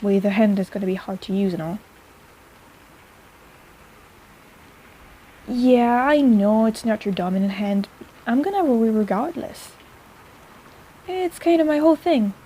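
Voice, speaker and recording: In this intimate roleplay addressed directly to the listener, a female apothecary shopkeeper comes across as caring, fond and a little flustered, her warm, soft-edged voice pitched slightly high and a bit rough. She talks animatedly, rambling with halting pauses and light teasing. Audio quality is poor.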